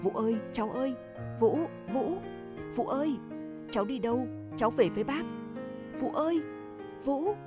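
A woman's voice: on the high side, expressive, moderate pace, over music, close to an everyday voice. A woman reading a novel aloud, voicing a kindly older village woman who chokes and weeps as she talks. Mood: frantic. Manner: tearful, choked, calling out.

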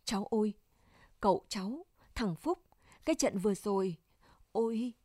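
A woman's voice: medium pitch, animated, normal speed, warm tone, no echo, studio quality, natural voice. Woman playing a weeping older village woman. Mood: sobbing. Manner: tearful, choked, calling out.

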